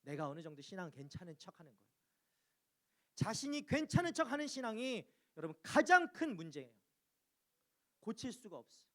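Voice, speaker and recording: A man preaches in a church with a fairly high voice. He presses his listeners with questions and voices heartfelt cries to God. The delivery is emphatic and earnest. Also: big pitch swings, brisk, long pauses, bright, forceful tone. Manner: emphatic, questioning the congregation, acting out anguished cries. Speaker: pastor. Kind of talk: sermon.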